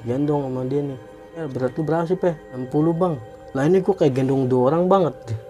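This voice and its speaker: A man's voice: fairly high pitch, fast, warm tone, faint music behind. Young man casually recounting a spooky tale. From Indonesia. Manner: casual slangy retelling, acting out quoted dialogue. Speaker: guest telling a true story. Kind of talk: casual storytelling.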